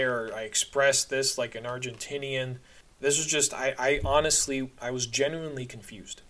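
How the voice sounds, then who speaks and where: A podcast narrator with a mid-range, slightly bright voice shares his own experiences in a candid, conversational way, with a wry sense of humor throughout his casual storytelling.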